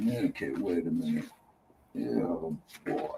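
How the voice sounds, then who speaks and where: Slow-drawling man hosting a talk show. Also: a bass voice, animated, vocal fry, noisy background. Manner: loose, heckling, drawling asides. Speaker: podcast host. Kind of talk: casual talk show chat.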